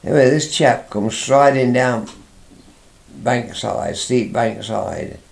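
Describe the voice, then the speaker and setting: Speaking slowly in a creaky, medium-pitched voice with lively intonation, an older English father recalls his youth in an interview. His fishing anecdote is chatty and rambling, full of restarts, and the room sounds echoey.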